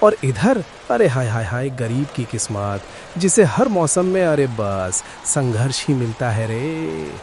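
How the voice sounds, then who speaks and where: A man plays a poor cartoon villager who endlessly bemoans his fate, his lively voice rising and falling with each sigh. He turns self-pitying and indignant at any complaint, with faint noise behind him. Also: mid-range voice, takes it slowly. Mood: lamenting. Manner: self-pitying, sighs and laments, flares up when accused. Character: poor grumbling village husband, bitter about fate.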